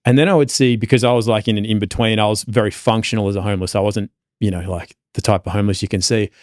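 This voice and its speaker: An Australian man speaking in a fairly low voice as a podcast guest. He thinks aloud in a loose, meandering way, leaning on lots of fillers. The recording is close and dry, with no room sound. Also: steady tone, racing, darkish tone, no room sound. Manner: reflective, loose and rambling, many fillers. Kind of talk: casual conversation.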